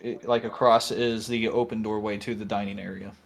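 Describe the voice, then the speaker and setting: A man improvising narration as a tabletop game master, halting often as he searches for words. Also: lowish voice, flat delivery, gravelly.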